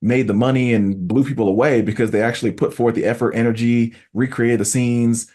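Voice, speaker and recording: A man's voice: mid-range voice, a little fast. A man hosting a casual podcast chat, talking animatedly and acting out quotes to make his points. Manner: animated, acts out quotes when making a point. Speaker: podcast host.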